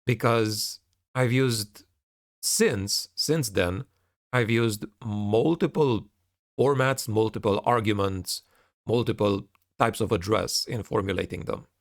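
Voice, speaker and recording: Low-voiced man giving a casual update, dry sound. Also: takes it slowly, gravelly, no echo. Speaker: video creator giving a channel update. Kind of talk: casual update talk, reading out messages and commenting.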